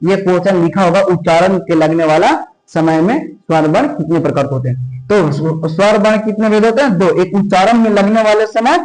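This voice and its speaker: High-voiced tutor drilling by repetition. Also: male voice, brisk, darkish tone, poor audio. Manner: repeats key words, asks and answers own questions. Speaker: teacher. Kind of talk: classroom lesson explanation.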